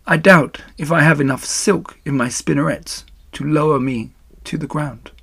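Man voicing a high, gentle, dying storybook spider lady. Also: gravelly, breathy edge, no echo, exaggerated voice. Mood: weary, resigned. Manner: gently firm, measured scolding. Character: calm, motherly female spider, weak and dying. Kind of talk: children's storybook narration.

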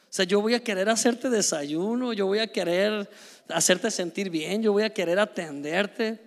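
A man's voice: sits high, normal speed, long reverb tail. A man voicing a doting young wife who eagerly promises to serve, in a sweet, eager tone.

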